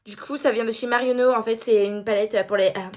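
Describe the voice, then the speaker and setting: A woman's voice: on the high side, steady tone, quick pace, darkish tone. A young woman filming a casual makeup vlog, chatty and self-mocking, stumbling over words with many fillers and apologies. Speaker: vlogger.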